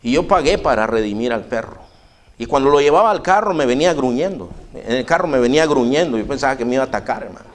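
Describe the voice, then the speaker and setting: A man's voice: mid-range voice, lively intonation, fast. A man preaching a sermon in a church, telling a personal story folksily and often calling listeners brother. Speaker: pastor.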